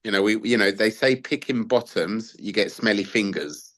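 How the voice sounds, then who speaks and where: A man's voice: lowish voice, moderate pace, fairly bright tone. A man, a gold investment adviser, explaining his approach in a talkative, casual interview style with many fillers and asides.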